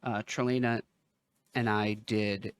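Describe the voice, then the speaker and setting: A man's voice: on the low side, little pitch movement, takes it slowly, clear, resonant tone, no echo. Joking man co-hosting a podcast. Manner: joking, playful, loud bursts. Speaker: podcast co-host. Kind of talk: casual chat.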